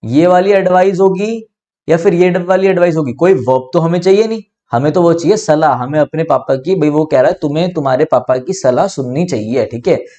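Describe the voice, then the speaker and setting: A young adult man with an Indian accent gives a brisk online English grammar lesson, breaking it down step by step and answering his own questions. The recording is muffled, and his voice is fairly high and mellow.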